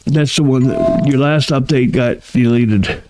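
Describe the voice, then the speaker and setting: A man's voice: medium pitch, loud music behind the voice. A drowsy man co-hosting a podcast, talking casually and repeating his points. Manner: drawn-out, repeats himself. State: sleepy, yawning. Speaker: podcast co-host. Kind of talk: casual chat.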